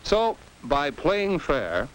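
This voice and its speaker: A slightly high male voice swoops wildly in pitch, draws out his words, and has a fairly bright tone. He's an American narrator of a scripted 1950s educational film for teens, questioning and exclaiming in a commentator's manner. Expect the noisy sound of an old 1950s film.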